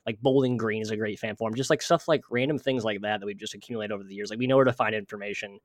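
A man's voice: fairly low pitch, steady tone, rapid-fire, no room sound, studio quality. A man with a nasal voice, a guest on a casual podcast, rambling and self-deprecating with many fillers. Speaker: podcast guest, sports writer.

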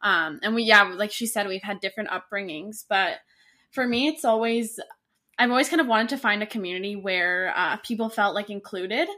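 A woman's voice: medium pitch, normal speed. A woman born in Canada co-hosting a podcast, talking with enthusiasm and a lot of "like". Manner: warmly enthusiastic, lots of "like". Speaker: podcast co-host. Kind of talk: casual podcast chat.

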